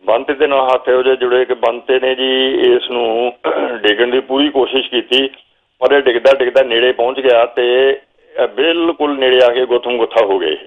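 An older Punjabi man, a guest telling a long story from memory at an unhurried pace, now and then quoting what he told the players. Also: medium pitch, fairly even intonation. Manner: slow reminiscing storyteller, quotes himself calling instructions. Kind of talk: storytelling interview. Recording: phone-like narrow sound.

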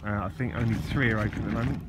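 A man's voice: fairly low pitch, fairly even intonation, very fast, very noisy. Jokey man filming a snowy ski trip. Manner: jokey, laughs often. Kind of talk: casual video diary. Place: outdoors on snowy slopes and in a motorhome. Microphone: phone held at arm's length.

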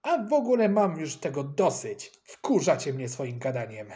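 A man's voice: a little high, sing-song, moderate pace, mellow. A man voicing a boastful schoolboy who is proud of his judo, talking in a cocky, dismissive way. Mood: irritated.

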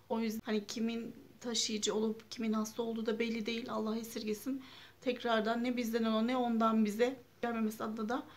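Woman in her 30s vlogging from home, chatty and homey, kinda high voice. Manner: chatty and homely, with frequent fillers. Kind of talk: casual home vlog narration. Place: at home, kitchen then living room.

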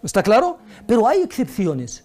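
Lively, patient woman teaching a lesson. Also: a little high. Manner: patient, drills words slowly and asks questions. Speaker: Arabic teacher. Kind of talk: one-on-one language lesson.

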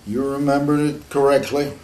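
An elderly American man, a war veteran remembering in an unscripted interview, speaking in a halting, plain-spoken, matter-of-fact way. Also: mid-range voice, fairly even intonation, mellow, slight background noise, low-quality recording.

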